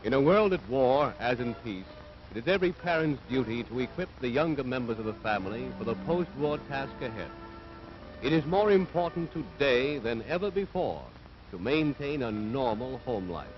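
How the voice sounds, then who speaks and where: This American man narrates a scripted 1940s propaganda film in an earnest, authoritative, moralizing way. His mid-range voice is animated and moves at a moderate pace, with faint music behind it. The recording has the dull sound of a vintage 1940s film soundtrack.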